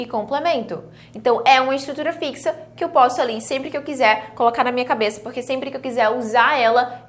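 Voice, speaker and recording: A Brazilian woman, a native Portuguese speaker, teaching an online English lesson, saying English phrases slowly and often checking that her students follow. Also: sits high, fairly bright tone. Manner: slow drilled English phrases between brisk explanations; coaxing, checks in with the class often.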